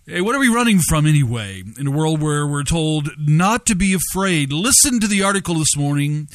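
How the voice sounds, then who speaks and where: A man with a somewhat high voice delivers a sermon, reading news aloud and telling stories. He halts often with fillers and leans hard on key words. The sound is dry and close. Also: expressive, no echo. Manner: storytelling, halting with many fillers, stressing words.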